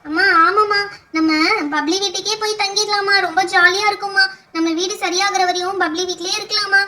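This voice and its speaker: A woman's voice: very high voice, fairly even intonation, a little fast, bright, forceful tone, slight background noise. A woman voicing a small innocent daughter who eagerly begs her mother, in a doll show. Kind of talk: doll pretend-play voice acting.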